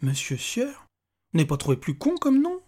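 A man reading aloud and voicing a despairing, disbelieving man who answers in a blunt, rude, sharp-tongued way. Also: medium pitch, very animated, fast, slightly rough. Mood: incredulous. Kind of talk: audiobook character voice.

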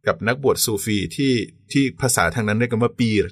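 A man co-hosting a podcast in a conversational lecture style, polite and quick to affirm. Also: mid-range voice, fairly even intonation, no room sound, studio quality. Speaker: podcast co-host.

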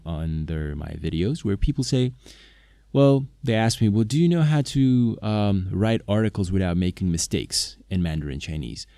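A Slovak-born polyglot video maker and interpreter chats casually to camera about knowing languages. His voice sits on the low side and sounds mellow, hesitant, full of fillers and restarts. The recording is dry, with clean studio sound.

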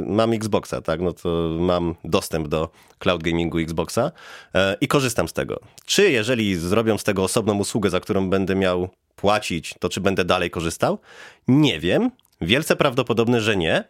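A man as a podcast guest answering questions thoughtfully, pausing often with fillers. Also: lowish voice, no room sound, clean studio sound. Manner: thoughtful, hesitant with many fillers. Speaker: guest, head of DevOps.

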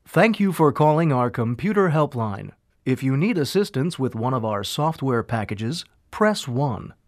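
A man's voice: mid-range voice, big pitch swings, measured pace, no echo, studio quality. A man playing a polite automated helpline announcer, reading a scripted phone menu formally. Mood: polite, neutral. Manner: formal, orderly.

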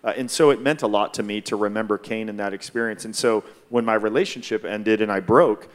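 A man from Hawaii speaks on a church panel with a voice on the low side, offering a personal testimony. His delivery is measured and reflective, broken by frequent pauses.

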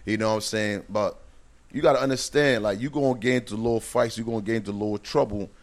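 Interview guest: man from Liberia, low gravelly voice, laid-back streetwise storyteller. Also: fairly even intonation, fast. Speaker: personal trainer and bodybuilder guest. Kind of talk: casual interview.

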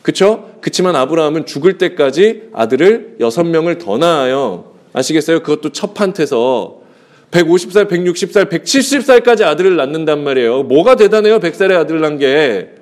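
A man's voice: lively intonation, a little fast. A male pastor preaching a sermon in a conversational way, asking the congregation rhetorical questions and acting out bits of dialogue. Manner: acts out dialogue with shifting pitch.

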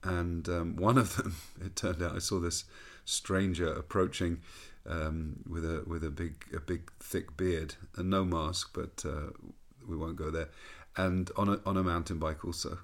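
A man, a rabbi, giving a measured, thoughtful spoken reflection that moves between reading a poem and telling a personal story. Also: sits low, fairly even intonation.

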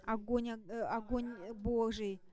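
A woman delivering a church sermon in short, halting phrases, exhorting the congregation as an interpreter would. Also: fairly high pitch, fairly even intonation, darkish tone. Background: music.

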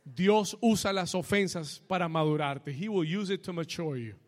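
A man's voice: high voice, measured pace. A man preaching a sermon in a church hall, calling out to the congregation and slipping English phrases into his talk. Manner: preaching with rising intensity, calls to congregation; mixes Spanish with English phrases. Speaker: pastor. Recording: long reverb of a church hall.

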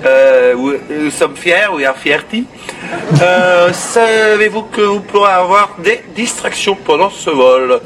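Clumsy airline captain giving cabin announcements, slow halting delivery, mangles his english, a bit high. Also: lively intonation, fairly bright tone, slight background noise, exaggerated voice. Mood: pompous. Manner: halting, broken English, many hesitations. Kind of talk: comedy sketch.

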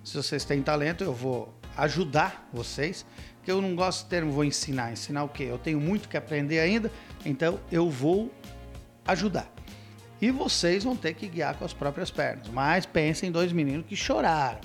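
Male radio veteran, slightly high voice, animated storyteller in a casual interview. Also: brisk, faint music behind. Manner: lively storyteller who mimics stiff announcer voices. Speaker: radio announcer and podcast guest.

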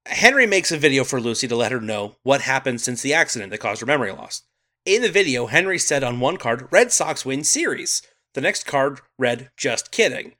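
A man's voice: medium pitch, expressive, fairly quick, pushed and bright. A man co-hosting a podcast, recapping a movie plot and sharing trivia in casual chat, laughing often. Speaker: podcast co-host.

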